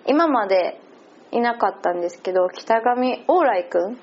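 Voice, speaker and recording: Chatty Kansai woman, slightly raised pitch. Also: animated, moderate pace, darkish tone, breathy edge. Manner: chatty, laughs often between phrases. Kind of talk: casual spoken recap. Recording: slightly muffled lo-fi audio.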